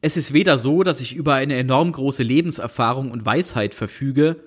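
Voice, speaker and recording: A man's voice: medium pitch, moderate pace. A man reading a comic novel aloud, with wry, dry ironic storytelling. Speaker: audiobook reader. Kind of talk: scripted narration of a comic novel.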